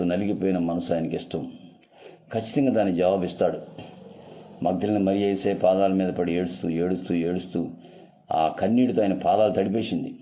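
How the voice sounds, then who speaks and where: A man's voice: sits low, vocal fry, dark tone. A man giving a morning devotional sermon as pastor, earnest and repeating key phrases for emphasis.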